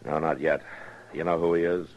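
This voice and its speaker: An actor playing a steady, stern frontier marshal, terse and authoritative, in an old-time radio western. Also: male voice, a bass voice, fairly quick, a little hiss or hum. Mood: grim. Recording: dull old radio recording.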